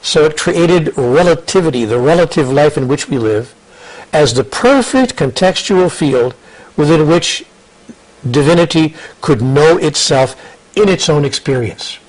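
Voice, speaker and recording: A man's voice: on the high side, measured pace, low-quality recording. An older man guest in an interview, telling his story and ideas earnestly, often repeating and restarting words. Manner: earnest, repeats words and restarts, quotes others in lively asides. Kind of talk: reflective conversational storytelling.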